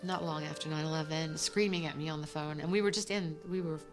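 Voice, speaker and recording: A woman interviewed for a documentary, speaking as a counterterrorism analyst. Her voice sits a little low and she speaks candidly, with a halting, emotional edge. Faint music plays underneath. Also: fairly even intonation.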